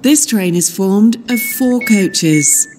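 A woman's voice: expressive, over music. A woman's recorded announcement listing train stops, with the words spliced together and uneven joins between them. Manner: measured, evenly paced listing with uneven joins. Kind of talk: recorded calling-point announcements. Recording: train announcement with loud rumble. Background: train running noise.

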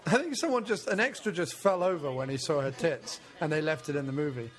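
A man's voice: a little high, fast. A man co-hosting a casual film commentary podcast, joking crudely and breaking into silly voices. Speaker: podcast co-host. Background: film soundtrack playing.

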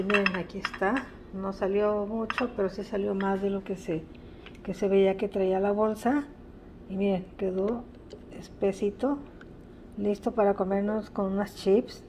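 A woman hosting a casual home cooking demonstration, chatting in a homely, unhurried way in an indoor kitchen. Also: medium pitch. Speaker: host of a home cooking channel. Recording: faint-to-clear background noise, home kitchen.

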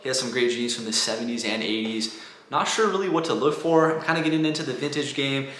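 A fast, chatty man in his thirties talks casually to a camera held at arm's length. His voice has a mid pitch and carries a roomy echo, with faint noise in the background. He sounds relaxed and easygoing, like a vlogger. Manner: relaxed, chatty, lots of "like" and "gotcha". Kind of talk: casual vlog narration. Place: outdoor flea market, car and apartment kitchen. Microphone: handheld camera at arm's length.

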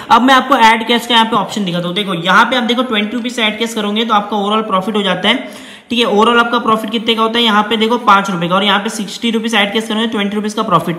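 A man's voice: high voice, bright, forceful tone. A man chattily walking viewers through a phone app as he taps through it, often calling them brother. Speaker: app reviewer. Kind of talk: screen-recorded app walkthrough. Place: indoor room, table with phone. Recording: echoey room with long reverb.

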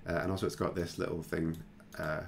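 A man hosting a screen-recorded software tutorial, talking casually and thinking aloud with plenty of fillers. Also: sits low, flat delivery, brisk, gravelly, a little hiss or hum. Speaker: tutorial host.

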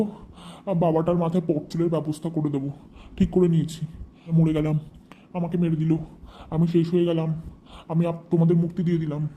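A man's voice: a little high, mellow, slight background noise, lightly acted. A man playing a melodramatic, scheming young vlogger who groans theatrically in a satirical live-stream parody.

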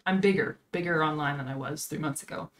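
Twenties woman with a low voice, hosting a casual home podcast, thinks out loud. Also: fast, slight background noise. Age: 20s. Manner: earnest, thinks aloud. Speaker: podcast host. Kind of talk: casual chat. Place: home streaming room.

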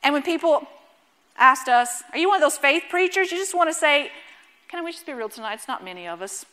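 A woman pastor, preaching a sermon in an animated, humorous way. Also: very high-pitched.

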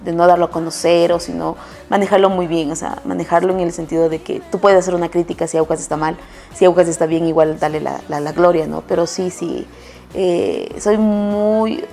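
A woman's voice: lowish voice, steady tone, brisk, vocal fry, a little mellow, soft background music. A woman sports journalist with an Ecuadorian accent, chatting in an interview and telling stories, with many restarts and self-corrections. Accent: Ecuadorian Spanish. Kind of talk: casual interview answers and storytelling.

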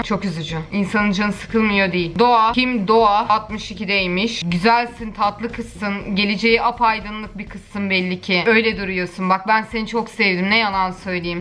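A woman's voice: mid-range voice, fairly bright tone. A young woman vlogger reacting in casual commentary, playfully indignant and gushing, with theatrical complaints.

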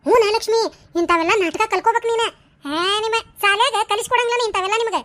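High squeaky bickering village ladies from a cartoon, all done by one woman, north karnataka accent, rattling off lines fast. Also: fairly bright tone. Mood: bantering. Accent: North Karnataka Kannada. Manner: quick, shrill, bantering dialect chatter. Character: bickering village women, a landlady and her helpers. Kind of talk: cartoon voice acting.

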